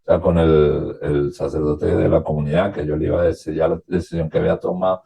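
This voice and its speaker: A priest from Venezuela, a man, telling his own story as a radio interview guest, recounting past conversations in a halting, reflective way. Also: low-pitched, gravelly, dark tone, slightly rough.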